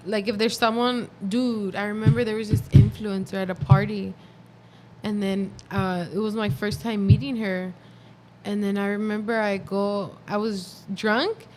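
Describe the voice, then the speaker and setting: A woman's voice: medium pitch, little pitch movement, moderate pace, noisy background. A twenty-year-old woman chatting casually as a podcast guest, telling stories in loose slang with giggles. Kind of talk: casual chat.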